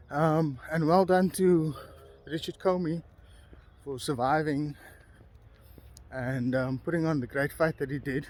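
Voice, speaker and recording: A man giving casual, unscripted solo commentary as a vlogger, speaking haltingly with frequent pauses, outdoors on a walk. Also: fairly high pitch. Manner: halting, pausing often mid-sentence. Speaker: boxing vlogger.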